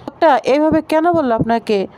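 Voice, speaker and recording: Brief: anxious young woman, as a woman narrator reads her, high and plain. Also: moderate pace, mellow, lightly acted. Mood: worried.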